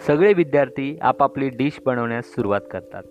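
A man narrating a story in a slow, measured reading. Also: medium pitch, animated. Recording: dull lo-fi sound with faint music.

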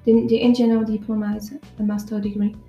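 A woman's voice: medium pitch, little pitch movement, fast, warm tone, highs cut off. A woman in her early twenties from France, with a French accent, answering casually and hesitantly as a radio guest. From south of France. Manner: hesitant, searching for words. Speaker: volunteer guest on a radio show. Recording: roomy echo, faint music behind.

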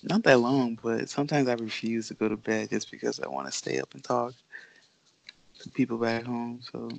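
Here a young Bahamian-born pro basketball player, raised in Florida, talks easygoingly on a podcast, laughing often in a relaxed way. Her voice is rumbling and low with vocal fry, a steady tone, and a moderate pace. The audio is rough but echo-free.

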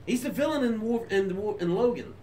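A man's voice: sits high, animated, fast, dark tone, distant mic, slight background noise. A man hosting a podcast, chatting casually with heavy swearing and lots of restarts. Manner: loose, profane, trailing off and restarting. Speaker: podcast host. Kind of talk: casual chat.

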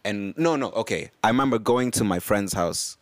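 A man in his thirties from Morocco co-hosting a podcast, talking in a relaxed, halting way with many restarts. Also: fairly low pitch, no room sound. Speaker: podcast co-host. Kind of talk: casual chat.

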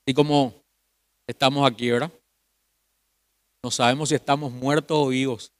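Pastor preaching, quiet then loud. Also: male voice, medium pitch, steady tone, smooth. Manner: addresses listeners as brother, asks rhetorical questions; swings from loud emphasis to quiet, drawn-out phrases. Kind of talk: youth meeting sermon.

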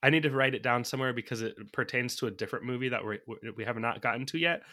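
A man's voice: medium pitch, very fast, pushed and bright. A man chatting casually about a movie as a podcast co-host, thinking aloud from his notes and laughing often. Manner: laughs often while talking.

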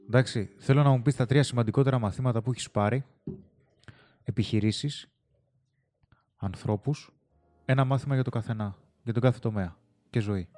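A man's voice: medium pitch, pauses often, darkish tone, soft background music. A man hosting a casual podcast, asking his guest a structured question. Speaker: podcast host.

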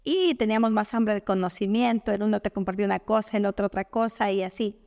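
Una mujer de Ecuador, invitada en una entrevista informal, que cuenta anécdotas con animación y recrea diálogos. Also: female voice, mid-range voice, fast, gravelly, big-room sound. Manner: animated storyteller, quotes others in dialogue. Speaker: guest. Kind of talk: casual conversational interview.

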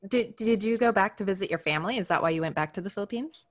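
A woman's voice: mid-range voice, fast talker, no echo, clean studio sound. A woman from the United States hosting a podcast interview, asking friendly questions. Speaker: podcast host.

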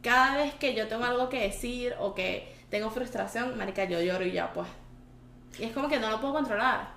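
A young Venezuelan woman rattles through a casual podcast chat at a rapid clip, slangy and full of fillers. Her voice sits a bit high, and the room gives it a noticeable echo with a faint hiss behind. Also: creaky. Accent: Venezuelan Spanish. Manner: animated, slangy, frequent fillers. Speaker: podcast co-host. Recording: roomy echo, faint background noise.

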